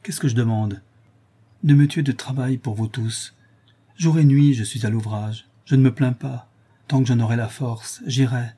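A man's voice: mid-range voice, normal speed, warm tone, husky, lightly acted. A man reading aloud and voicing an exhausted, despairing craftsman who pleads in anguish.

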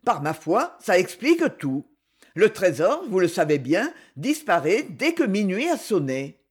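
Guy doing a cheeky laid-back young husband, mocking and unbothered, lively voice. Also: high voice, measured pace, husky, heavily acted. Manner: phlegmatic, mocking. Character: nonchalant teasing young husband.

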